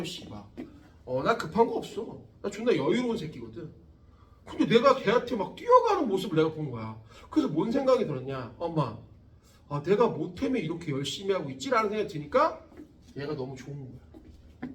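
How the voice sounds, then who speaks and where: This thirty-something physics tutor has a high-pitched voice and sounds distant from the mic, echoing around the classroom. His lecture is animated and profane, full of jokes and chat with his students.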